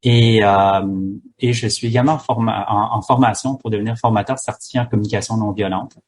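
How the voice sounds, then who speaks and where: A man's voice: lowish voice, steady tone, a little fast, breathy edge. A man, a pharmacist guest speaking in a hesitant way with many fillers and restarts. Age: 30s. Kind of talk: casual interview talk.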